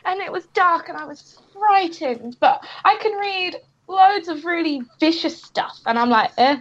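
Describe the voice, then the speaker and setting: Woman, giggly chatter, very high voice, muffled lo-fi sound. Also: expressive, measured pace, fairly bright tone. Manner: chatty, giggly, rambling anecdotes. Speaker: comic creator guest. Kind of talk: casual podcast chat.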